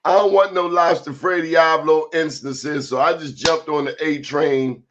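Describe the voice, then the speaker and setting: A man's voice: fairly high pitch, steady tone, normal speed, muffled recording, background noise. A man hosting a talk show, telling comic stories in casual, colloquial, exclamatory chat.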